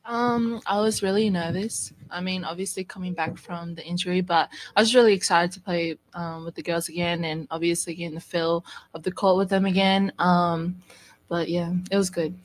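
A woman's voice: fairly low pitch, steady tone, moderate pace. Hesitant young woman basketball player. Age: young adult. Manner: hesitant, lots of ums. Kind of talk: postgame press conference. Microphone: table microphone.

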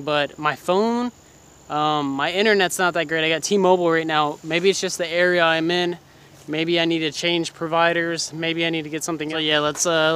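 Walking beside a busy road, a young male vlogger talks casually into his phone camera, breathless and rambling in a chatty, self-deprecating way. His voice is a little high with a fairly bright tone, and there's slight background noise.

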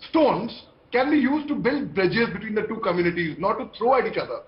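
A high-pitched man with lively intonation and an Indian accent talks briskly as an army veteran on a TV debate panel. Calling in by video from an indoor room, he's emphatic, impassioned, and repetitive, his audio muffled and echoey through the call microphone.

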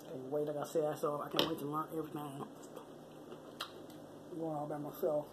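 A woman vlogging casually while eating, talking slowly through a mouth full of mussel with smacking sounds between bites. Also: sits low. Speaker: mukbang YouTuber. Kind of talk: casual eating vlog chat. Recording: steady background noise.

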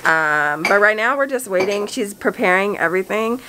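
A woman's voice: medium pitch, expressive, normal speed, background noise. A woman in her thirties chatting casually and nervously to viewers on a handheld camera, candid and talkative. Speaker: family vlogger. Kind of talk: casual vlog chat to viewers. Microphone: handheld camera at arm's length.

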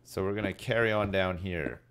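A man's voice: low voice, a little fast, background noise. A middle-aged man giving rambling, laid-back, sweary commentary as he streams a game and chats with viewers. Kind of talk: casual live gaming commentary, chatting with viewers. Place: indoors at a desk, streaming.

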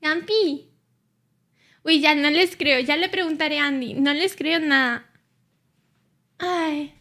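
A woman's voice: high-pitched, takes it slowly, sharp tone. A young woman streaming live, chatting casually and playfully with her viewers and teasing them back.

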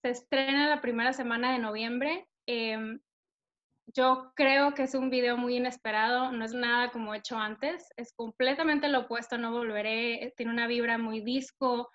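Talking into her laptop camera on a video call from a bright room at home, a young woman from northern Mexico guests in an interview as a singer-songwriter. Her northern Mexican-accented voice is a little high, steady and a bit bright, at normal speed, full of upbeat chatter and fillers. The highs are cut off.

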